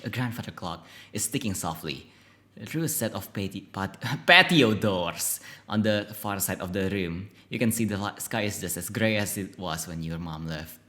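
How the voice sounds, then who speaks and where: Excitable man reading a horror game aloud. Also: deep voice. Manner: excitable, swears, stumbles while reading. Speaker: game streamer.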